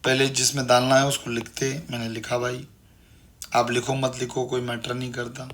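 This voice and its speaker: Male math tutor, mid-pitched, repeats each step patiently. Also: monotone, normal speed, a bit bright. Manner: repetitive, coaxing, calls students "beta". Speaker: math teacher. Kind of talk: online classroom lecture.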